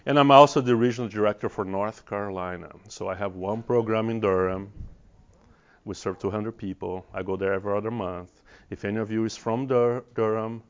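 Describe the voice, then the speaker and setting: A middle-aged Brazilian man with a gravelly, low voice presents to an audience as a regional director of mental health programs. His Brazilian Portuguese accent is clear, and he speaks haltingly with many restarts and repeated words. The recording sounds dull and lo-fi.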